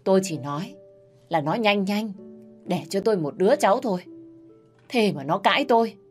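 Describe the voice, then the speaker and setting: A woman's voice: fairly low pitch, lively intonation, moderate pace, faint music behind, natural voice. A woman voicing a nagging, bitter middle-aged mother-in-law who scolds and accuses. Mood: shrill outrage.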